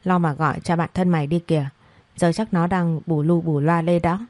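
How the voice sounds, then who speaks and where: A woman voicing a blunt, sharp-tongued young man in an audio story, with a deadpan, mocking manner. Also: lowish voice, normal speed, no echo, natural voice.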